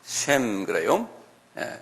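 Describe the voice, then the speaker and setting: A middle-aged man teaching a slow, step-by-step classroom Bible lecture, often asking the class to repeat words aloud. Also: medium pitch, wildly swooping pitch, fairly bright tone. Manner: chuckles, talks directly to students.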